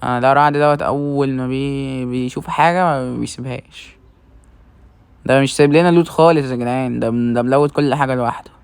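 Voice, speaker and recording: A man with an Egyptian Arabic accent giving casual gameplay commentary, excitedly calling out to his teammates and teasing them. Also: mid-range voice, fast, creaky, clear, resonant tone, no echo. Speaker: gaming video creator.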